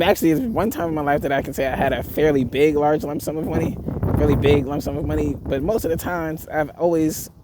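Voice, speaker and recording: Man, slightly high voice, musing spiritual vlogger, rambling delivery, street traffic noise behind. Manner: rambling, reflective, frequent fillers and restarts. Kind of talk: casual monologue to camera. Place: outdoors near a street with passersby.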